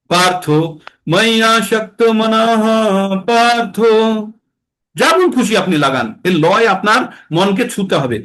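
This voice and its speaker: A man teaching how to recite Sanskrit verses in a class, explaining patiently and slowing to chant lines syllable by syllable. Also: sits high, fairly bright tone, a little hiss or hum, low-quality recording. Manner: patient, explanatory, checks understanding.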